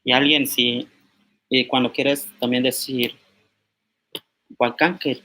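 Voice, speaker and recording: Slow, bright-voiced young man teaching. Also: medium pitch, fairly even intonation, slight background noise. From Mexico. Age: 20s. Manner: slow, repeats words aloud while writing on a board. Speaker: language teacher. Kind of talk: informal language lesson.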